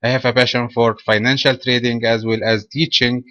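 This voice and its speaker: A man from Egypt presenting a trading webinar in a measured, explanatory way. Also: medium pitch, level tone, bright, forceful tone, no echo, muffled recording.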